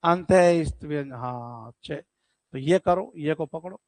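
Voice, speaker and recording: A man's voice: on the high side, no echo. A man teaching an online exam-prep class, talking straight to his students and stretching words for emphasis. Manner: lively, addresses students directly, drawn-out emphasis.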